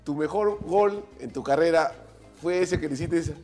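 A middle-aged Peruvian man with a Peruvian Spanish accent, hosting a casual chat in a lively, joking way and laughing often. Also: on the high side, moderate pace, loud music behind the voice. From Peru. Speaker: podcast host.

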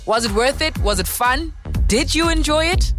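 A woman's voice: high-pitched, expressive, moderate pace. A woman with a South African accent hosting a radio phone-in, conversational and encouraging, speaking straight to listeners. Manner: sympathetic, encouraging, addresses listeners directly. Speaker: radio host. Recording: studio radio over music bed.

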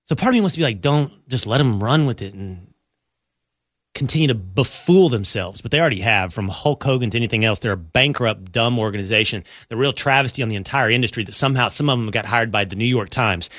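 A man's voice: on the low side, fast talker, no echo, clean studio sound. A male sports radio host ranting sarcastically with mock outrage in a casual talk show. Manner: mocking, animated, with mock-outraged outbursts.

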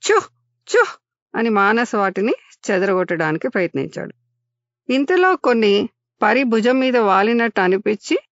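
A woman's voice: medium pitch, creaky, no room sound, lo-fi sound. Older woman telling children's stories. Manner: lively narration with voiced characters. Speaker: storytelling podcast host. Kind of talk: children's story narration.

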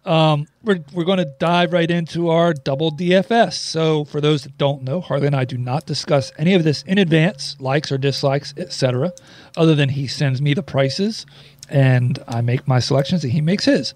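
A man's voice: fairly high pitch, moderate pace, darkish tone. A man hosting a podcast, talking in a loose, chatty way with plenty of ums. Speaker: podcast host. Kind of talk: casual podcast chat.

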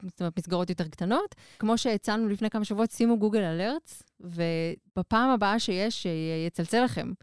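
A woman co-hosting a podcast, reviewing in casual chat, talking with many filler pauses. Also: medium pitch, clear, resonant tone, no echo, studio quality. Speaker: podcast co-host, culture reviewer.

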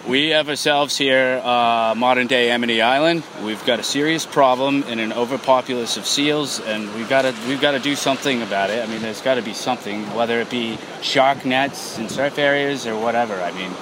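Shaken guy telling what he witnessed, kinda halting, noisy outdoor recording. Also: medium pitch. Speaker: eyewitness interviewee. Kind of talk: spontaneous eyewitness account.

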